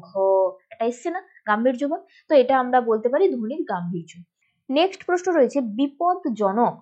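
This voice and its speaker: A woman teacher with a Bengali accent walks students through exam answers step by step, often checking in with "ঠিক আছে?" and "বোঝা গেল?" to see if they've understood. Her voice is high with a darkish tone, captured on a dull lo-fi recording.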